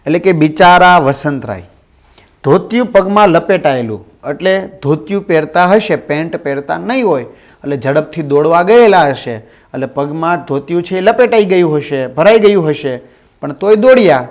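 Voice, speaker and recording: Man, teacher, high voice, explains story line by line, repeats phrases, asks check questions. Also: expressive, moderate pace. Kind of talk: primary-school Gujarati lesson explaining a story.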